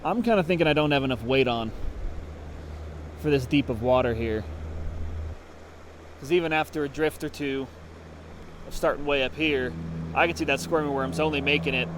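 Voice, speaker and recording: A man's voice: mid-range voice, moderate pace, pauses often, noisy background. A man explaining fly fishing technique while fishing outdoors, talking casually and thinking aloud. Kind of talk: on-the-water instruction. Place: outdoors at a creek.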